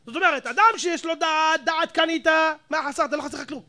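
A man preaching a Torah sermon to an audience, animated, asking rhetorical questions and acting out little scenes. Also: extremely high pitch. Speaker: rabbi preacher.

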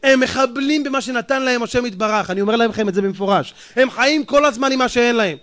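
High, bright-voiced scolding rabbi. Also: male voice. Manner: emphatic, fires rhetorical questions, scolding and mocking; swings between loud outbursts and low muttered asides. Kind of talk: sermon.

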